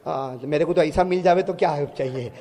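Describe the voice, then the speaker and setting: A middle-aged man preaching to a gathering, telling stories with jokes and sudden loud exclamations. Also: a little high, brisk. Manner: joking, bursts into loud exclamations. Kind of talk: humorous sermon storytelling. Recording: echoey hall reverb.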